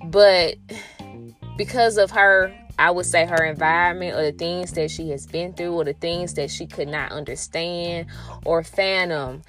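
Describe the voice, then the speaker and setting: With music in the background, a middle-aged woman slowly shares a personal story, her fairly low voice keeping a fairly even intonation. It's casual and meandering, packed with restarts and "you know," and drifts toward the spiritual.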